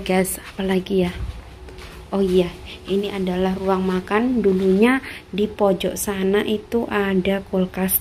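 A young Indonesian woman with a warm, mid-range voice gives a casual tour of her employer's apartment in Taiwan, filming on a handheld phone while walking from room to room. She's chatty, repeats "seven seperti ini," and often drops to a near whisper. The audio carries a little hiss or hum.

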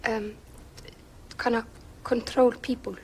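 A woman's voice: a little high, level tone, takes it slowly. A young woman from Iceland with an Icelandic accent, talking as a musician guest in a late-night TV studio, hesitant and dreamy with a lot of "kinda". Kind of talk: casual talk-show interview.

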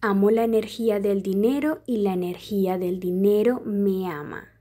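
A woman reading a prayer and money affirmations aloud in a slow, soft, devotional manner. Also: mid-range voice, steady tone, husky. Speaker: prayer reader.

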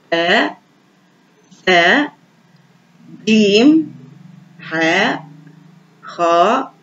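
A woman teaching young children to read in a slow, clearly enunciated, encouraging voice. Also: fairly low pitch, a bit bright. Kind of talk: online reading lesson for young children. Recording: dull lo-fi recording.

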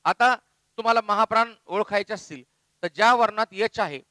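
A man teaching a grammar lesson, explaining step by step and repeating letters slowly. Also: high-pitched, bright, forceful tone, dry recording, low-quality recording.

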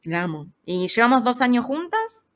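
A woman in her thirties with an Argentine Spanish accent, a podcast guest telling a personal story in a lively, casual way and acting out the voices of people she quotes. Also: fairly high pitch, normal speed.

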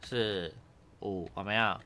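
Man, crisp bright tone, lowish pitch, casual grammar tutoring, keeps asking if it's clear. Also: slow pace. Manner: repeatedly checks understanding with tag questions. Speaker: Japanese grammar teacher.

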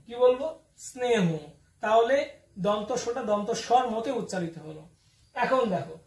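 A man teaching a Bangla grammar lesson. He keeps asking his students questions and answering them himself. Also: very high-pitched. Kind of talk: classroom lesson. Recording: echoey room, voice from far off the mic.

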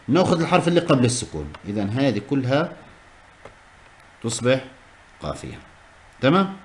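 A man teaching a class, explaining step by step and repeating key terms. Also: mid-range voice. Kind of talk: classroom lesson on Arabic prosody.

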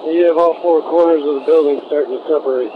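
A male firefighter calls in urgent radio reports at a quick pace. His fairly high voice comes through a thin, tinny two-way radio. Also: fairly even intonation. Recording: tinny, noisy radio transmission.

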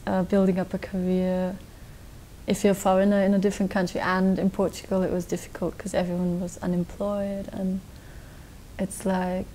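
A young woman from Austria answering interview questions in a relaxed, rambling way, full of likes and restarts, recorded in a dark studio. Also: medium pitch, normal speed, slight background noise, rough recording. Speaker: guest musician. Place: dark television studio set.

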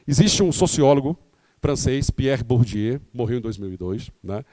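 A man's voice: medium pitch, expressive, normal speed, dark tone, no echo. A Brazilian man giving an explanatory lecture on campaigns to candidates, with many fillers and tag questions. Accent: Brazilian Portuguese.

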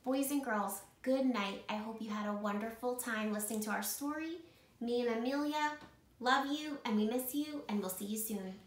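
A woman school principal reading a picture book aloud to children in a warm, expressive way. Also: a little high, normal speed, roomy sound.

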